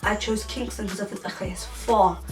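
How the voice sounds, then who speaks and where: A woman's voice: mid-range voice, fairly even intonation, brisk, recorded from a distance. A woman, chatting casually through a Q&A for her vlog, rambling with many restarts. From England. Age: 20s. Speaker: YouTuber. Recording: echoey room, voice a bit off-mic, music behind.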